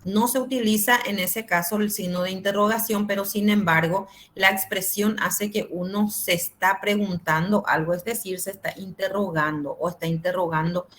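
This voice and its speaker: A woman's voice: mid-range voice, fairly even intonation, moderate pace, fairly bright tone. A woman teaching a grammar class over a video call, explaining patiently with simple examples and frequent fillers. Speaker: Spanish teacher.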